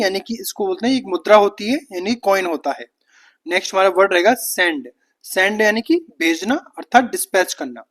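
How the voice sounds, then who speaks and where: A man from India teaching exam vocabulary, running through a word list at a brisk clip and giving short glosses for each word. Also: high-pitched, fairly bright tone. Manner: brisk, repetitive word-by-word listing with quick glosses. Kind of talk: rapid vocabulary drill lesson.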